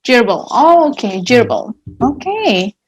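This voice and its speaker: This Indonesian co-host, who teaches English and Indonesian, has a slightly high, gravelly voice with big pitch swings and a measured pace, heard over crowd noise. In casual Q&A she asks friendly, curious questions and offers plenty of small acknowledgements.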